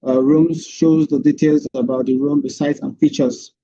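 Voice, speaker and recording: A man presenting his capstone project over an online meeting, heard through screen-recorded call audio, walking through his slides with frequent hesitant pauses. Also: medium pitch, muffled recording. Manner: steady walkthrough with frequent hesitant "um"s. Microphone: computer or headset mic on a video call.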